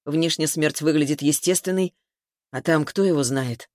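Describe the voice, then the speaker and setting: A man reading an audiobook, voicing a blunt expert man who explains things in a lowered, matter-of-fact way. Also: moderate pace, no echo, clean studio sound, lightly acted. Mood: curt. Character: middle-aged man, dry, blunt medical expert. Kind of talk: audiobook character voice.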